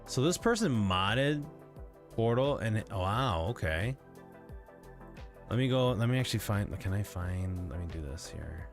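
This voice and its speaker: A man's voice: lowish voice, big pitch swings, unhurried, soft background music. A sleepy man chatting casually with viewers from his home gaming setup, rambling with lots of fillers. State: sleepy, yawning. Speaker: livestreamer.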